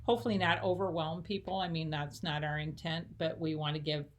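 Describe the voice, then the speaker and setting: Woman, low-pitched voice, church missions coordinator, casual chat, lots of fillers, laughs easily. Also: steady tone, brisk.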